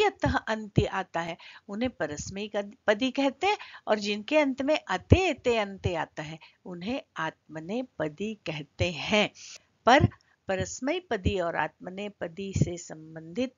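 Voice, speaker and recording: A woman teaching a Sanskrit grammar lesson online, reciting word forms one by one in a measured way and guiding students to practise along. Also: mid-range voice, no room sound, dull audio. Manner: slow, measured recitation of declensions and conjugations.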